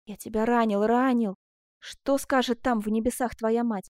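A woman voicing a passionate middle-aged master sculptor, exclaiming loudly in an audiobook reading. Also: medium pitch, animated, moderate pace, no echo, clean studio sound, lightly acted. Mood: anguished. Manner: impassioned, exclaiming.

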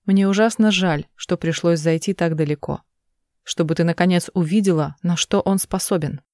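Lady reading a crying mom begging to be believed, lowish voice, dry sound. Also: normal speed, a little mellow, no room sound, close to an everyday voice. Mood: tearful pleading. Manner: pleading, urgent. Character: tearful desperate older mother, pleading.

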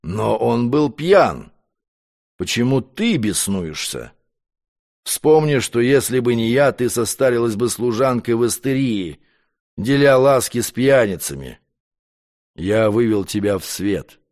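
A man reading an audiobook, voicing an arrogant male magician count who speaks calmly and curtly. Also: mid-range voice, a little slow. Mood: cool scornful. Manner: calm, curt, condescending. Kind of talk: audiobook character voice.

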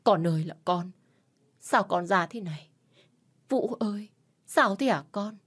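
A woman's voice: medium pitch, lively intonation, a little slow, breathy edge. A woman voicing a distraught middle-aged mother pleading over her son in an audio story, wailing and pleading. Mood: anguished.

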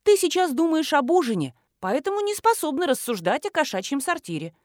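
A woman's voice: high voice, very animated, fairly quick, no echo, studio quality, voice pushed up. A woman reading the lines of a courteous, pedantic male professor who speaks delicately and in a bookish way. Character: polite pedantic male professor, the narrator's husband.

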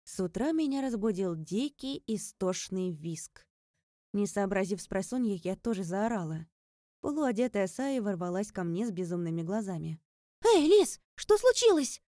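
A woman's voice: mid-range voice, lively intonation, normal speed, warm tone, no echo, studio quality. A woman narrating a story in the first person, with a wry tone. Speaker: audiobook narrator. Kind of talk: scripted narration.

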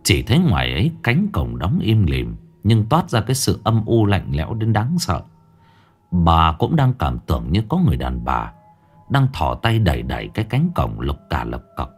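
A man tells a ghost story in a husky, lowish voice. His pitch swoops dramatically, and faint music plays under the narration. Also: wildly swooping pitch, normal speed.

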